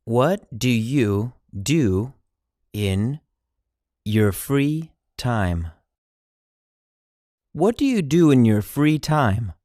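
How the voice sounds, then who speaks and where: Teacher voice for phrase drills: slow, chunked repetition, dry close sound. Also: medium pitch, sing-song, dark tone, dry recording. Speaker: language teacher.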